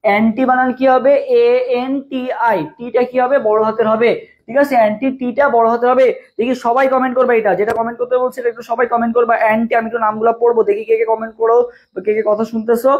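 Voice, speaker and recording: A man's voice: extremely high pitch, level tone, quick pace. A young man, teaching a live online class for admission tests and drilling students with repeated questions. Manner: asks viewers to type along in the comments. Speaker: admission test tutor. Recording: dull lo-fi stream audio.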